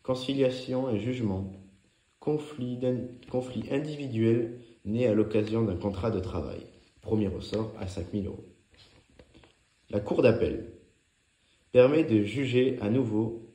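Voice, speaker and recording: A man's voice: mid-range voice, a little slow, long pauses, warm tone. A man reading scripted study notes aloud as a lesson, in a clipped, didactic, item-by-item delivery. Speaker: narrator of a law revision lesson. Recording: echoey, roomy sound.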